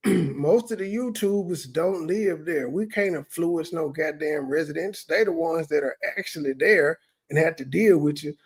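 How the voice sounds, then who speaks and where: A man's voice: fairly high pitch, creaky, breathy edge. A man hosting a reaction video, blunt, profane and mocking in his commentary. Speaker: YouTube reaction host.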